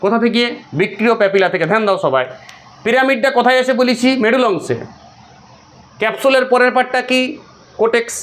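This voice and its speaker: A man teaching biology to a class, drilling his students with repeated questions and answers in an insistent way. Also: fairly bright tone. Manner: quick, high-pitched and insistent.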